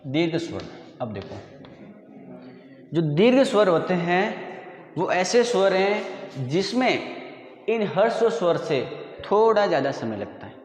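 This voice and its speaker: Slow, patient male teacher in echoey classroom. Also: sits high, big pitch swings, soft background music. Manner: slow, patient, repeats definitions and quizzes students. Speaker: school teacher. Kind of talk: classroom grammar lesson. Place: school classroom. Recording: echoey room with long reverb.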